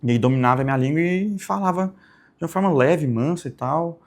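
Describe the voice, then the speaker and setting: Young guy from telling his testimony, gravelly voice, soft and rambly, keeps going "né?". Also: on the high side, fairly quick. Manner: soft-spoken, rambling storytelling with frequent tag questions. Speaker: channel host giving testimony. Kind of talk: personal testimony.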